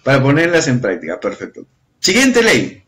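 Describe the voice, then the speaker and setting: A man's voice: medium pitch, huge pitch swings, moderate pace, fairly bright tone, a little hiss or hum. Peruvian man leading an online seminar. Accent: Peruvian Spanish. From Peru. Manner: repetitive, addresses listeners directly.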